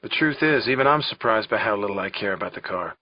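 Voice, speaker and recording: Husky male thriller narrator. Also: lowish voice, animated, fast, dry recording. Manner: wry, conversational first-person telling. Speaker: audiobook narrator. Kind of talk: first-person thriller narration. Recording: dull lo-fi recording.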